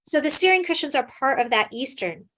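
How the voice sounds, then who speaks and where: Her voice sits high, sounding a bit bright, animated and brisk, as this US scholar gives casual interview answers. She explains with care while frequently restarting and filling pauses.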